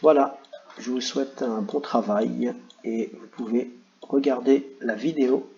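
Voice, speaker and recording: A male teacher talks young pupils through their exercises step by step, patient and encouraging. His voice sits at an ordinary middle pitch. The recording sounds a little dull and lo-fi. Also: fairly even intonation, measured pace, creaky, warm tone, slight background noise. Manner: patient, encouraging, addresses children directly. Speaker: primary school teacher. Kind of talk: explaining worksheet exercises to children.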